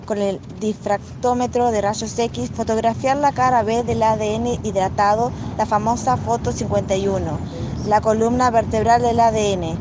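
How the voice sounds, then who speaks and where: A woman's voice: a little high, background noise. A young woman, a student, reading her part of a school presentation.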